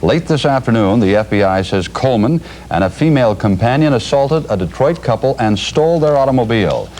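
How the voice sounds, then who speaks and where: An American evening news anchor gives a scripted delivery, his mid-range, darkish voice animated and a little fast. The recording is a noisy 1980s TV broadcast videotape.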